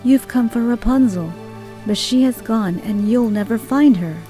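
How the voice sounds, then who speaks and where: A woman's voice: a little high, normal speed, warm tone, soft background music, natural voice, low-quality recording. A woman doing a gloating, angry witch. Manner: triumphant, raised voice.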